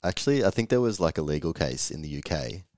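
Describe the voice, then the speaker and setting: A man with an extremely deep voice that croaks hoarsely as he talks. He co-hosts a relaxed educational discussion, and the sound is dry with very little room on it. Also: fast talker, no room sound. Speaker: podcast co-host on medical teaching.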